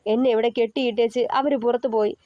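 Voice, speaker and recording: Brief: woman reader doing a cunning young man, fake tears and quiet menace, slightly high, dry and dull-sounding audio story. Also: steady tone, fast talker, no echo, close to an everyday voice. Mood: fake sobbing. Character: scheming young man faking a kidnapping.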